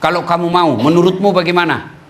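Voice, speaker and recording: The angel of death, a matter-of-fact male spirit, speaks in a casual, fairly high voice, as a man telling a sermon story puts him on. The delivery is plain and unhurried. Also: lightly acted.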